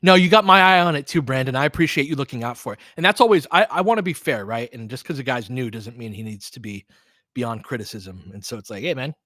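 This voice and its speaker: A man who hosts basketball play-by-play and coaches speaks fast and forcefully in an expressive, bright, medium-pitched voice. His live commentary is casual and conversational with listeners, mildly profane and peppered with trailing asides, in a dry studio-quality recording.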